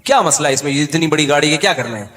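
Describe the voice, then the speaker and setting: A man's voice: a little high, lively intonation, racing, fairly bright tone, long reverb tail. A man giving a humorous religious lecture, telling stories in a joking way and laughing between points. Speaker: Islamic scholar giving a talk.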